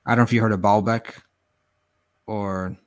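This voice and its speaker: Male panel guest, lowish voice, casual and halting, feeling his way through sentences. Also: fairly even intonation. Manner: hesitant, halting. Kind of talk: casual discussion.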